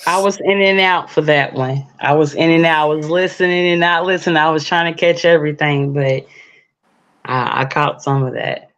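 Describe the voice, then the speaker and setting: A woman calling into a live stream chat, speaking hesitantly with many pauses and fillers. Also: sits low, a bit bright, lo-fi sound. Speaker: guest caller.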